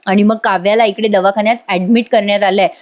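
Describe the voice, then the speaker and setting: A woman's voice: mid-range voice, steady tone, fast, darkish tone. A woman recapping a TV serial episode in a voice-over, enthusiastic and speaking straight to viewers. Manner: enthusiastic, addresses viewers directly. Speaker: TV serial reviewer.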